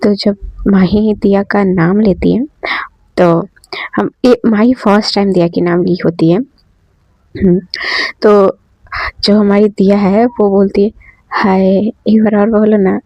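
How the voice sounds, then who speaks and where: A woman's voice: medium pitch, fairly even intonation, slow pace, pauses often, no room sound, dull audio. A woman casually retelling a love story in a chatty way, addressing the listeners directly.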